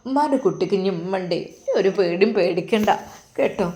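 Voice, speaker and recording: A woman's voice: medium pitch, animated, brisk, dark tone, echoey room, natural voice. A woman voicing a loving older mother, speaking in tender, tearful endearments.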